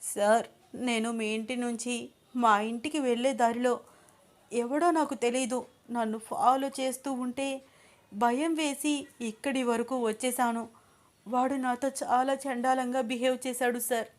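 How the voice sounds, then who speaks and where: A woman narrator doing a shaken young woman from a storybook, tearful and hesitant. She talks a little higher but softer than the storyteller's own voice, as if holding back sobs. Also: steady tone, unhurried, natural voice. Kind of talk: storybook character voice.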